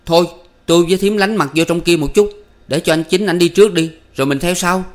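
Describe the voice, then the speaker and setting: A man's voice: a little high, a little fast, a bit bright, pitched above the performer's own voice, natural voice. A man voicing a tense young gunman, speaking in a strained, raised voice. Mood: urgent.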